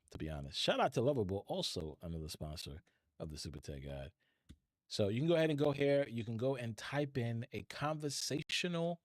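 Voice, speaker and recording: A man's voice: fairly low pitch, no room sound, studio quality. A middle-aged man hosting a live tech stream, chatting casually and rambling as he talks straight to his viewers. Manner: chatty and rambling, addresses chat directly.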